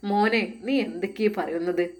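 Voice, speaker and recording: A woman playing a gentle coaxing mother, consoling. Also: on the low side, normal speed, close to an everyday voice. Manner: soothing, coaxing. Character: gentle mother consoling her grown son.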